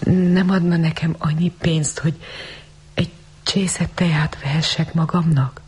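A woman voicing a poor, shivering young woman in an audiobook story, speaking in a hesitant, stammering hush. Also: deep voice, steady tone, husky. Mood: timid pleading.

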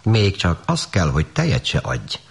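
A man voicing a grumpy, scolding farmer's wife in a spoken tale. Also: very animated. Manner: shrill, scolding.

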